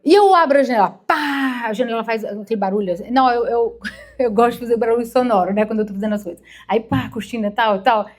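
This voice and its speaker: High-voiced Mineiro woman in her fifties. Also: fast. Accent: Mineiro Brazilian Portuguese. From Minas Gerais, Brazil. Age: 50s. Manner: chatty, emotional, storytelling with acted-out quotes. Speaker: therapist preaching to a congregation. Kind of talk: informal sermon.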